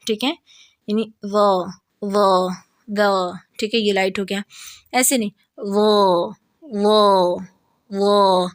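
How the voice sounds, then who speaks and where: A woman with a Pakistani Urdu accent gives a Quran reading lesson. Her voice sits a little high, and she patiently repeats each letter several times. The sound is dry and close, with no room echo. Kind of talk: recorded lesson.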